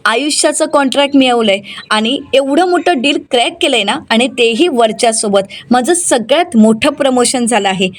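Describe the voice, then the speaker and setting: A woman's voice: on the high side, animated, normal speed, natural voice. A woman voicing an overjoyed young husband, exclaiming as she reads the lines of a serial recap. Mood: elated.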